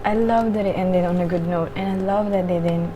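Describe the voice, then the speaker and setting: A woman with a slightly low voice talks informally while eating, drifting from thought to thought in a casual mukbang style. She swears casually now and then, and there is clear noise behind her. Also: steady tone, a little fast. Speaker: vlogger eating on camera while reviewing a show. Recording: clearly audible background noise.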